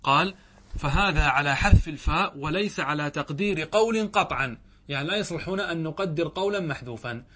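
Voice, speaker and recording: Male teacher, slightly higher voice, patient question-and-answer lecturing style. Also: expressive, brisk, sharp tone, slight background noise. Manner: explanatory, asks and answers own questions. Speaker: sheikh teaching Arabic grammar. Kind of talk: classroom lesson commentary on a grammar text.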